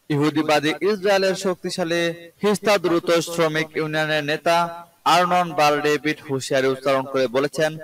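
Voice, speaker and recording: A man reading international news in a formal, even newsreader delivery. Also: fairly high pitch, rough recording. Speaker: news reader. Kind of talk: scripted news narration.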